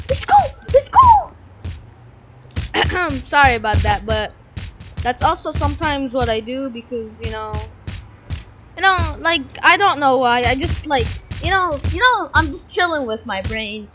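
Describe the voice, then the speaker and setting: A woman giving excitable, rambling gameplay commentary into a broken microphone, repeating hype shouts. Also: high-pitched. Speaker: gamer streamer.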